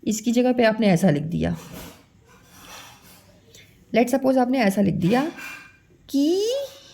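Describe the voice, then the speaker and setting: A woman teaching young children to read, stretching syllables slowly and calling the listener "beta". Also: fairly high pitch, expressive, vocal fry, dark tone, slight background noise. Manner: slow, drawn-out syllables for children. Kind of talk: children's Hindi lesson.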